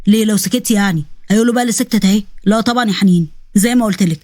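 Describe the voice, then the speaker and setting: A woman's voice: medium pitch, a little mellow, dry recording, natural voice. Othman, a woman voicing a teasing young shopkeeper. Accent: Egyptian Arabic. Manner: playful teasing, quick banter. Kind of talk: storybook dialogue reading.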